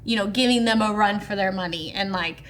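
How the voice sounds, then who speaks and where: A woman co-hosting a casual book podcast, retelling the plot with quick quoted asides. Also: medium pitch, fairly bright tone. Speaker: podcast co-host. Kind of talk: casual book club chat.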